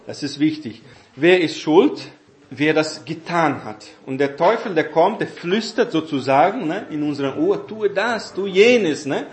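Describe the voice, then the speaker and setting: A man giving a Bible teaching talk in a halting way, with many fillers and tag questions. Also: a little high, expressive, reverberant. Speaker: preacher.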